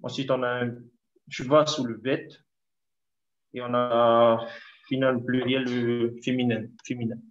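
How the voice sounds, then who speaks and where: A male student works through a text aloud in class, slow and hesitant, filling gaps with "euh". His voice comes through muffled and lo-fi over an online lesson connection. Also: medium pitch, little pitch movement. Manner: slow, hesitant, many fillers. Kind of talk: reading and parsing aloud in class.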